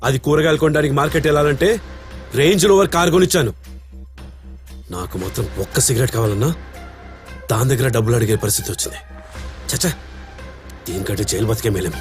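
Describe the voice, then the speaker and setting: Brief: actor as a proud rich husband, quick to anger, Telugu accent, with a movie score behind. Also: male voice, mid-range voice, soft background music, lightly acted. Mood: bitter. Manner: shouting angrily, then bitter voice-over narration. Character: arrogant rich husband, short-tempered. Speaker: husband and narrator. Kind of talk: film drama dialogue.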